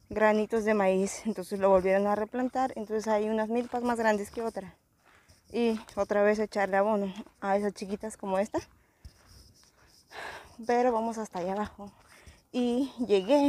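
A woman's voice: medium pitch, a little mellow. A young woman with a Mexican accent, chatting casually and exclaiming as she vlogs outdoors in rural cornfields. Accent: Mexican Spanish. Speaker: vlogger. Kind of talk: casual vlog narration.

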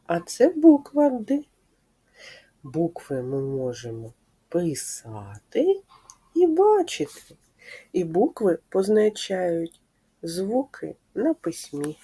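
A woman speech therapist giving a slow, clear lesson to preschool children, patiently asking questions and confirming their answers. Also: on the low side, big pitch swings, mellow.

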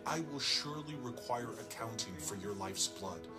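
A man's voice: fairly low pitch, expressive, moderate pace, close to an everyday voice. An actor playing God in a Bible audio drama, a man speaking in a solemn, commanding, declamatory way. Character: God, solemn commanding man's voice giving laws and blessing. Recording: loud music under the voice. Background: music.

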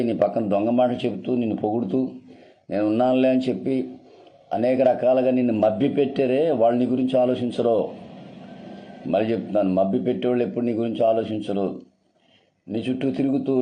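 A man's voice: mid-range voice, lo-fi sound. A male pastor preaching a sermon earnestly, repeating phrases and calling his listeners beloved.

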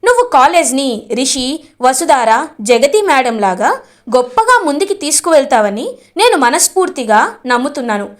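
A woman doing a formal, measured male minister. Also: high-pitched. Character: authoritative middle-aged male minister.

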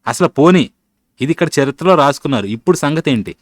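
A man's voice: fairly high pitch, lively intonation, quick pace, no echo, studio quality. A man hosting a commentary channel, arguing his point in with plenty of rhetorical questions. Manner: argumentative, asks rhetorical questions, colloquial. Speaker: channel host. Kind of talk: critical commentary on religion.

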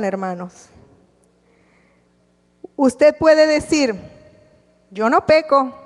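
A woman preaching a sermon, telling stories and acting out the dialogue. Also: high voice. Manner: storytelling with acted-out dialogue. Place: church. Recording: live church recording with long reverb.

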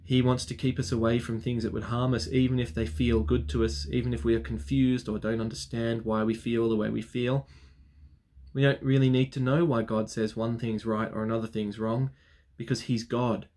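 Delivering his weekly vlog from an indoor study with bookshelves, a clergyman of the Anglican church in his thirties leads a solemn spoken prayer, earnest and measured in cadence. His voice is medium-pitched, a little mellow, and flat, recorded via desk webcam.

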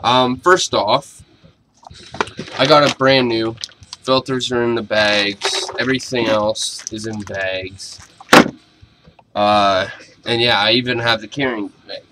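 A man's voice: medium pitch, fairly even intonation, slow, pauses often, background noise. A young adult man giving a casual video review in a blunt, informal way. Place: small cluttered bedroom, indoors.

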